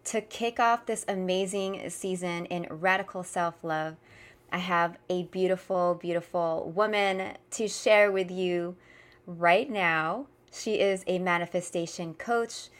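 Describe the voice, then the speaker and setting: Female podcast host, slightly low pitch, effusive, emphatic welcomes and interview questions. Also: slow.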